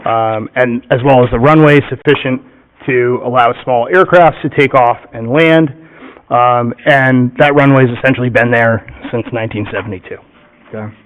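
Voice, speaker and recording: A man representing an applicant, giving a formal, methodical presentation at a public hearing and pausing often to check in with "okay?". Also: mid-range voice. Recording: muffled meeting-room recording.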